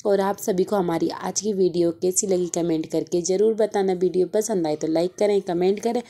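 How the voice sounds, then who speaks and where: Fairly low and mellow, her voice stays steady at a moderate pace. This young vlogger with a Malwi Hindi accent narrates daily life in her home kitchen, sounding tired and rambling in a chatty, homely way with many fillers.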